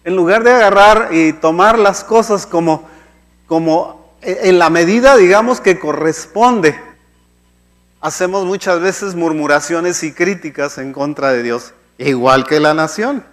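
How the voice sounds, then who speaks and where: Guy preaching in a church, kinda high voice, lots of "¿sí?" and restarts, big echo in the hall. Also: animated, measured pace, a bit bright. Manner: conversational, many restarts and "¿sí?" checks, acts out quoted complaints. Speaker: pastor. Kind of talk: sermon.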